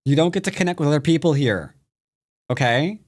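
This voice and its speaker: With a highish, expressive, slightly mellow voice and a brisk pace, an American Go teacher and streamer narrates his game as he plays. He's teasing and playful, trash-talking his opponent in good fun.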